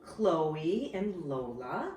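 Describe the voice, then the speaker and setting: A Burmese mother narrates a casual home video in her kitchen, warmly explaining a family cooking activity to her children's classmates, chatty and full of fillers. Her low voice is sing-song with drawn-out words. The camera sits far off, so the audio is echoey and noisy.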